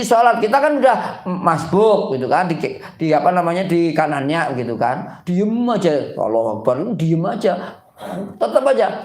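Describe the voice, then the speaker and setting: A man's voice: sits high, reverberant. A man giving a casual, folksy religious talk as a preacher, joking often and asking his audience questions. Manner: folksy, joking, repeats "gitu kan". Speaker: Islamic preacher.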